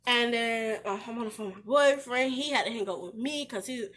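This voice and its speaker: A woman vlogger telling a personal story in a casual, animated way, speaking straight to her viewers and often restarting her sentences. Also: fairly high pitch, fairly quick.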